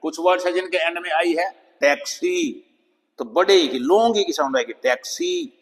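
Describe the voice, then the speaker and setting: A man teaching English pronunciation, patiently explaining and repeating example words slowly, dropping his voice on each model word. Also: on the high side, big-room sound, low-quality recording. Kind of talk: explanatory lesson.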